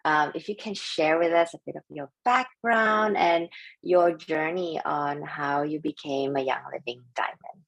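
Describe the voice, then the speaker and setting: Woman host, courteous and welcoming, gravelly lower voice. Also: dry recording, low-quality recording. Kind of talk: hosting a team call.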